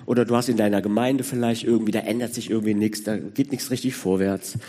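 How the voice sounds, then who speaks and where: A man's voice: lowish voice, steady tone, fast, mellow, long reverb tail. A man in his sixties giving a sermon in a conversational way, speaking directly to the congregation. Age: 60s. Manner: conversational, addresses listeners directly. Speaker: preacher.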